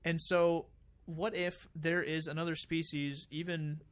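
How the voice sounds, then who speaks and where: A man with a slightly raised pitch, talking casually on a podcast. He muses out loud and builds long explanations, often pausing on fillers. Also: little pitch movement. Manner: speculative, explaining at length with fillers. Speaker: podcast co-host. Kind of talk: casual chat.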